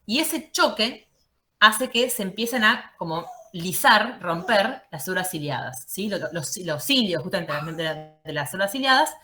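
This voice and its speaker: A woman teaching an online class, explaining step by step and often checking in with a quick "¿sí?". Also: mid-range voice, animated, pushed and bright. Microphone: video call.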